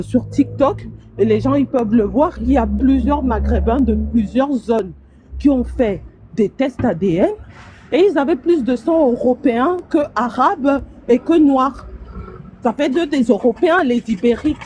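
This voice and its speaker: Outdoors on the street, a woman calls into a live stream for a heated casual debate, arguing hard and repeating words as she stumbles toward her point. She speaks a little high and mellow at a measured pace, with slight background noise.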